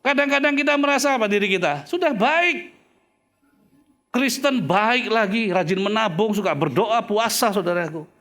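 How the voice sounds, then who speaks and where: High-voiced man preaching a sermon. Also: animated, normal speed, fairly bright tone. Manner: preaching, addresses listeners as brothers and sisters, mixes in English phrases. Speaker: pastor.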